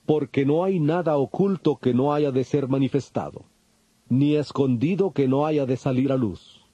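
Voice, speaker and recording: Man playing dark, mellow, solemn Jesus. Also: medium pitch, breathy edge, no room sound, close to an everyday voice. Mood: solemn teaching. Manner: measured, solemn teaching delivery. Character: Jesus, calm authoritative male teacher telling parables. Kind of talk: dramatized audio Bible acting. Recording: dull, band-limited audio with music.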